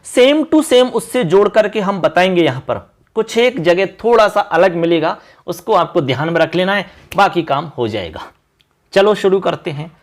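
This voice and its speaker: A male teacher giving an exam-prep lesson, reciting word forms one by one in a slow drawn-out chant and explaining how to remember them. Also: high-pitched, fairly bright tone.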